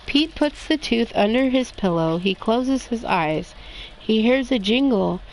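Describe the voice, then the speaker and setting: A woman reading children's picture books aloud in a slow, expressive storytime manner. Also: a little high, a little hiss or hum, low-quality recording. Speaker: storybook reader.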